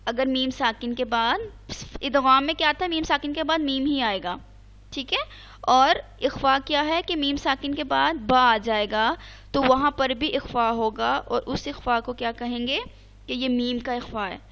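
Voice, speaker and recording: A woman's voice: sits high, fairly bright tone. A woman teaching an online Quran recitation lesson, patiently repeating the rules and checking that her student understands. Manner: chants Arabic examples slowly.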